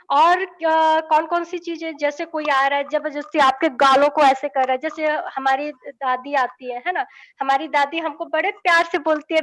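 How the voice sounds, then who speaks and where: A woman's voice: high voice, fairly bright tone. A young woman giving a lesson to children, in a coaxing, patient way, checking after nearly every sentence that they follow. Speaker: children's teacher.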